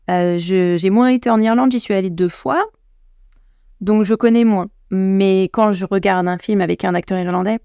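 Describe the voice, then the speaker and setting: A woman's voice: mid-range voice, dark tone, no room sound, clean studio sound. A French woman hosting a podcast, giving casual advice to the listener in a chatty way, full of restarts. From France. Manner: chatty, addresses listener directly, many restarts. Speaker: podcast host, English coach.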